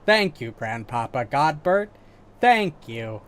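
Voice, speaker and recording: Man voicing an earnest young golem, drawling Southern, slow and lively. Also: medium pitch. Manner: heartfelt, a put-on Southern drawl.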